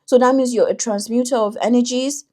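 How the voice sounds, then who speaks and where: A woman doing a tarot reading for viewers, talking in a thoughtful, intuitive way with frequent pauses and restarts. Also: a little high, fairly even intonation, warm tone. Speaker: tarot reader.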